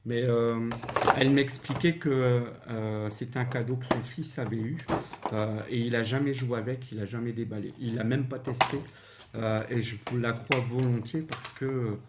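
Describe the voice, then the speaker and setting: A man's voice: mid-range voice, fairly even intonation, moderate pace. A man with a Belgian French accent casually showing his flea market video game finds, hesitant with many filler sounds. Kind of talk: casual vlog commentary. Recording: dull lo-fi home recording with noise.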